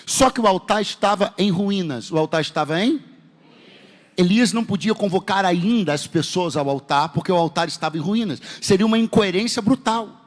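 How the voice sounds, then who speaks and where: A man with a Brazilian Portuguese accent, a pastor preaching a fervent sermon and firing rhetorical questions at his congregation. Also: sits high. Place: church sanctuary. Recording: long hall reverb in a church.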